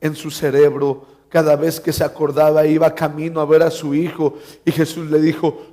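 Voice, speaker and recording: A man's voice: fairly high pitch, flat delivery, normal speed, warm tone. A man preaching a sermon in a church, telling stories and acting out bits of dialogue with humor.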